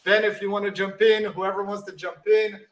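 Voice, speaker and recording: A man hosting a live online competition, checking answers aloud with rising excitement. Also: high-pitched, brisk, reverberant, rough recording. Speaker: competition host.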